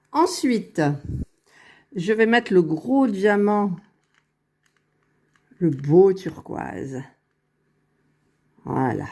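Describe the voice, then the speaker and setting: A woman talking her way through a crafting tutorial, unhurried and thinking aloud as she works, correcting herself as she goes, close to her phone. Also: mid-range voice, a little mellow. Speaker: crafting vlogger. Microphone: phone held very close to the face.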